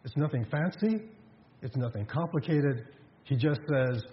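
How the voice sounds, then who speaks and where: A man's voice: mid-range voice, a little slow, dull audio. Man preaching in an echoey hall. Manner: conversational preaching, many restarts and "um"s, rhetorical questions. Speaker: pastor. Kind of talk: sermon.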